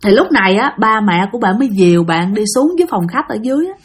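Lively, animated woman telling a ghost story. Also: mid-range voice, quick pace. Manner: dramatic, addresses listeners directly.

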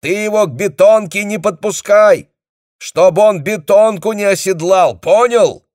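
A man voicing a battle-worn male battalion captain who shouts orders urgently. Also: medium pitch, animated, takes it slowly, breathy edge, no echo, clean studio sound, pitched above the performer's own voice, full character voice. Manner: shouting, commanding.

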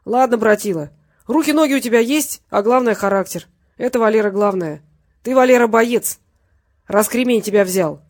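A woman reading an audiobook and voicing a huge, jovial heavyweight boxer with a booming voice and hearty laugh. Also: normal speed, close to an everyday voice. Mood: boisterous. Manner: loud, brash, back-slapping.

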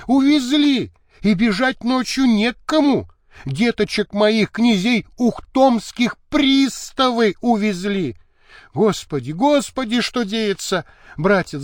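A man's voice: medium pitch, dark tone, breathy edge, no echo, clean studio sound. A man reading an audiobook, voicing a distraught older noblewoman who wails and pleads for her arrested sons. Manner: wailing, pleading, repeating herself.

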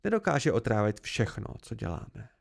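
A man voicing a calm, stern male chronicler who lectures in a firm, patient way, with a gravelly voice. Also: lowish voice, pitched below the performer's own voice, full character voice.

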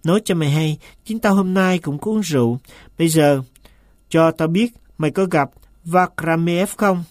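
A man voicing an anxious master who turns shrill and hissing when upset, read as an audiobook in a dry, close sound. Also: moderate pace, dry recording, lightly acted. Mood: coaxing.

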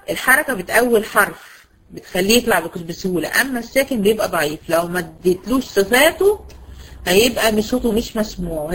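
A woman with an Egyptian accent teaching a tajweed lesson, quizzing her students and answering her own questions, and slowing down to draw out example words. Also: mid-range voice, fairly bright tone, slight background noise, poor audio. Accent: Egyptian Arabic. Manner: brisk, asks students questions and answers them herself; slows to stretch out example words. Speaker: Quran recitation teacher.

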